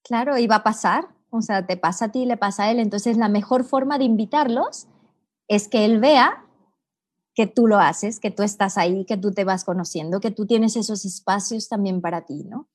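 Calm middle-aged woman guiding gently. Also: medium pitch, moderate pace. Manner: calm, teacherly, with many "¿no?" tags. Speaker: guest, personal growth coach. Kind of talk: reflective interview talk.

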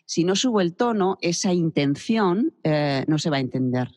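A man with a somewhat high voice explains speaking technique like a voice coach on air. He demonstrates as he goes, rushing some phrases and dropping low and slow on others. The sound is close and dry, yet a long reverb trails behind it. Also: animated, a little mellow. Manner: demonstrative, shifts pace and pitch to illustrate. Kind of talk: radio interview explanation.

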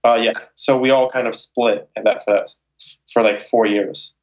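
A man's voice: mid-range voice, fairly even intonation, moderate pace, muffled recording. A young man born in Moscow and raised in Ukraine and Las Vegas, answering interview questions in a loose, rambling way with many fillers and restarts. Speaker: guest, circus straps performer.

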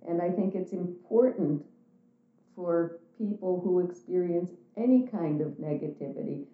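A woman's voice: on the low side, a little slow. A woman being interviewed, talking in a frank, chatty way in a casual conversation. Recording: echoey room, tinny phone-like sound.

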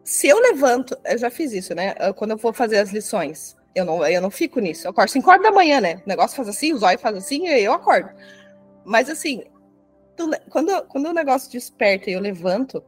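A woman's voice: on the high side, big pitch swings, fast talker, husky, faint music behind. A young woman, telling a story from her day in a chatty way, laughing often and using slang. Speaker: participant sharing her experience. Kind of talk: casual spiritual chat.

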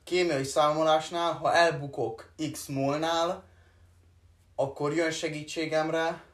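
A man's voice: a little high, little pitch movement, roomy sound. A young man co-hosting an amateur internet radio show, bantering and making up silly rhymes. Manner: joking, quick rhyming banter. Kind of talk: casual chat, improvised rhymes.

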